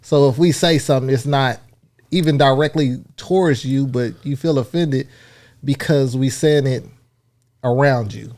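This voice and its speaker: A man's voice: medium pitch, moderate pace, darkish tone. A man with an American accent, co-hosting a podcast and arguing his point in long, earnest, blunt runs of casual chat. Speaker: podcast co-host.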